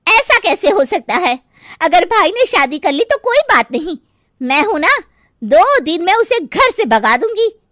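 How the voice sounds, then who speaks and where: A shrill, bratty teenage sister-in-law. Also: female voice, lively intonation, measured pace, no echo, clean studio sound, heavily acted. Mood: scornful. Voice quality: shrill, taunting. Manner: loud, sneering, threatening. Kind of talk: animated story voice acting.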